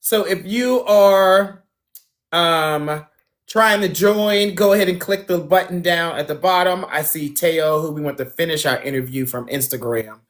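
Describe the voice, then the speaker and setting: A man's voice: a little high, a little slow, a bit bright. A man hosting a dating show on a phone livestream, chatting casually, talking straight to viewers and laughing often.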